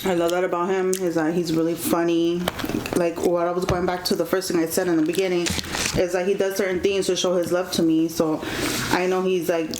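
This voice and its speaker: A woman's voice: on the low side, little pitch movement, brisk. A woman chatting casually and informally to viewers as a mukbang vlogger. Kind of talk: casual relationship chat. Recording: echoey room with clear background noise.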